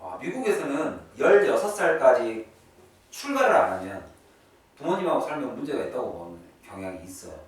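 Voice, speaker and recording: In a classroom lesson on vocabulary and grammar, this private-academy English teacher talks chattily and keeps checking in with students. His medium-pitched voice is very animated with swinging intonation and a slightly fast pace. He is recorded from a distance in a very reverberant, echoey room with faint noise.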